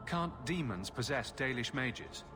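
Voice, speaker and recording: A man's voice: medium pitch, lively intonation, measured pace, background noise, lightly acted. An actor playing a wry, self-assured human adventurer man with a flippant, probing manner in video game dialogue. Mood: curious, probing.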